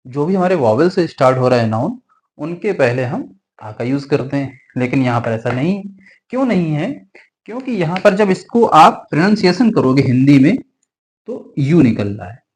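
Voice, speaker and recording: Lively man teaching grammar. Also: fairly high pitch, rough recording. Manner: asks questions and answers them himself, repeats key rules; mixes Hindi with English grammar terms. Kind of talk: classroom grammar lesson.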